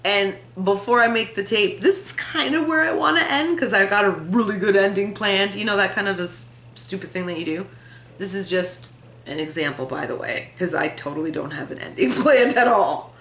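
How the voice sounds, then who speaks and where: Speaking at normal speed, the woman has a mid-range, fairly bright voice and an animated delivery. She's a vlogger casually rambling to her camera in a room at home, often laughing and running herself down. It's recorded on the built-in camera mic in an echoey space.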